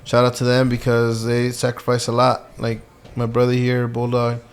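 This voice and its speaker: A man's voice: medium pitch, completely flat delivery, moderate pace, smooth. Laid-back man on a podcast. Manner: laid-back, giving friendly shout-outs. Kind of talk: casual podcast chat.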